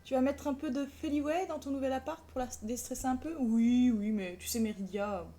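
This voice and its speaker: A woman's voice: high-pitched, a little fast, mellow, slight background noise. A woman chatting casually and playfully as a live streamer, colloquial and sweary, often cooing affectionately. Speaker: live streamer, craft vlogger.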